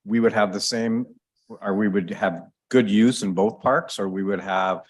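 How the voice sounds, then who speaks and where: A man's voice: on the low side, steady tone, measured pace. A man serving as a city councillor, asking a rambling, hesitant question in a meeting. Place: council chamber.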